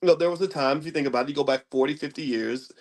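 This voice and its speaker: A middle-aged economics commentator casually explains money ideas in a rambling, conversational lecture-style talk, restarting sentences and often asking listeners "right?". His voice is on the high side with a darkish tone, and he speaks rapid-fire.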